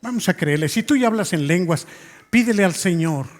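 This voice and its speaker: A male pastor preaching a sermon in a church hall, telling a story with passion and sometimes rising almost to a shout. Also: high voice, expressive, a little fast. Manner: impassioned, rising to near shouts in retold scenes. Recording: long reverb of a large hall.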